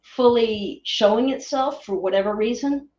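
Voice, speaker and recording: A woman explains things in a casual, hesitant way, full of "um"s and restarts, her voice sitting a little high. She sounds far from the microphone in a roomy space. The call audio is dull and muffled. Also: moderate pace, a little mellow, slight background noise. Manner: hesitant, many fillers and restarts. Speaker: guest sharing orb photos.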